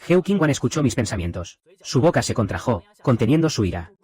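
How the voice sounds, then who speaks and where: Man, narrator, rapid delivery, lively pitch, scripted story recap.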